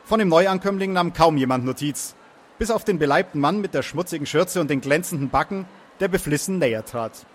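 A man reading a fantasy story aloud in a steady storytelling manner. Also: fairly high pitch, brisk. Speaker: reader.

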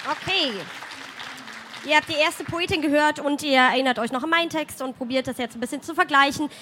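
High-voiced woman hosting a poetry slam. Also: a little fast, crowd noise, noisy background. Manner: loose and self-ironic. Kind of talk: casual stage hosting. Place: live venue.

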